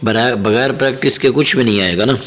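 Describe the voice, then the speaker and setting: A man with a Pakistani Urdu accent teaching Quran reading, patient and encouraging, spelling out syllables slowly and then explaining quickly. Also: mid-range voice, fairly bright tone. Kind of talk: teaching lesson.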